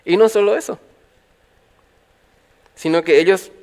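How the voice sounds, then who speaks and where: Higher-voiced man preaching a sermon. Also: unhurried. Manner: preaching with rhetorical questions to the congregation; swings from loud calls to quiet low phrases. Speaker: pastor. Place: church.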